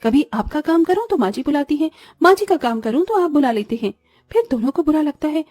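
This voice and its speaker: A woman's voice: high voice, normal speed, dark tone, natural voice. A woman voicing a young, dutiful new wife who is overwhelmed and apologetic in a storybook drama. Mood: pleading. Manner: pleading, apologetic.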